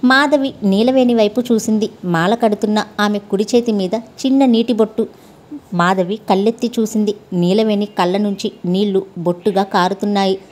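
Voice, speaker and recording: A woman narrating a scripted story in a calm, even storytelling manner. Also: mid-range voice, normal speed.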